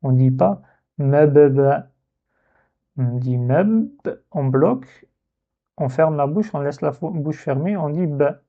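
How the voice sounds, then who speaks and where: Slow patient male teacher, dull sound. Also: fairly high pitch, lively intonation. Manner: slow, patient, repeats words to model pronunciation. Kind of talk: step-by-step lesson narration.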